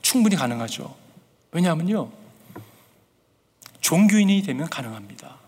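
Earnest pastor preaching in an echoing hall. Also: male voice, on the high side, big pitch swings, moderate pace, a little mellow, breathy edge. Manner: earnest, asks the congregation questions. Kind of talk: sermon.

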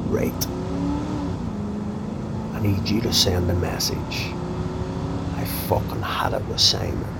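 A menacing male crime boss in a gritty drama, low and slow. He swears and orders people around impatiently, over the clear rumble of a car. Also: fairly even intonation, heavily acted. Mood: cold, threatening. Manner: domineering, swearing, clipped commands. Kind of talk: naturalistic screen drama acting. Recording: noisy, rumbling car interior ambience.

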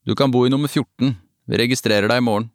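A man's voice: medium pitch, steady tone, no echo, clean studio sound, lightly acted. A man voicing a brusque hotel landlady who has been woken up, in an audiobook. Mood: curt. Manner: curt, brusque.

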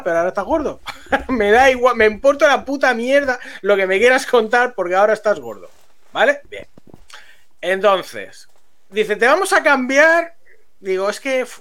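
A man tells a story to friends on a stream. He is animated and laughs often as the tale unfolds. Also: high voice.

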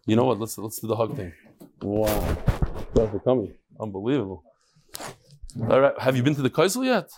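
A man's voice: lowish voice, animated, a little fast, long pauses, crowd noise. A mature man, a rabbi teaching a Talmud class in an informal, conversational way, posing questions and answering them himself. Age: middle-aged or older. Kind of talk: informal lecture with chatty asides.

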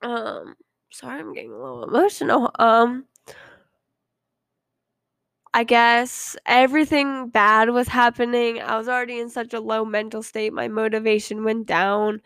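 Young woman, smooth clear voice, unhurried, rambling personal podcast talk, dry close sound. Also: a little high, flat delivery, a bit bright, no echo. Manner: rambling, hesitant with frequent ums; earnest and confiding. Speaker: podcast host. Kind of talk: casual personal storytelling.

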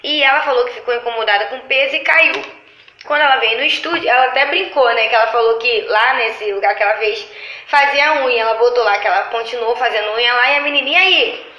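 A woman in casual chat, telling animated stories about her lash clients and acting out their lines. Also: sits high, muffled recording. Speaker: lash artist. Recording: echoey room.

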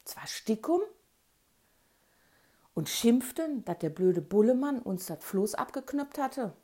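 A woman reading her childhood memoir aloud, dramatic, dropping to whispers and rising to shouts. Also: a little high, lively intonation, a little slow. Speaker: storyteller.

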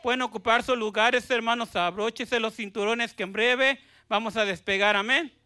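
A man preaching in a church, shouting praise and dropping hallelujahs between phrases, then joking with the congregation and having them repeat lines. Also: extremely high pitch, steady tone, normal speed, clean tone. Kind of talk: Pentecostal sermon with call-and-response. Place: church sanctuary.

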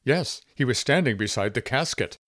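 A man voicing a flustered older widow from the church choir, who turns squeaky when startled, in a storybook reading. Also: lively intonation, moderate pace, a bit bright, dry recording, clean studio sound. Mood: explaining.

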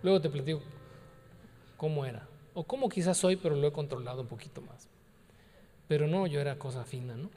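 Pastor guy preaching, kinda high voice, chatty stories, lots of repeating for punch, echoey church hall. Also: warm tone. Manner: conversational, personal storytelling with emphatic repetition. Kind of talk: sermon.

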